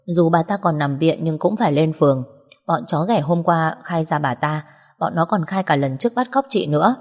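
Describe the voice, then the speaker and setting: A woman's voice: low-pitched, normal speed. Woman doing a polite young bodyguard. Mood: reassuring. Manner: polite, calming. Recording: long hall reverb.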